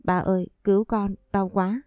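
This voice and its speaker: A man's voice: sits high, little pitch movement, moderate pace, darkish tone, smooth, no room sound, studio quality, soft background music, natural voice. A woman voicing a frightened young man who begs his father for forgiveness in a read-aloud story. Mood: pained. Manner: whining, pleading.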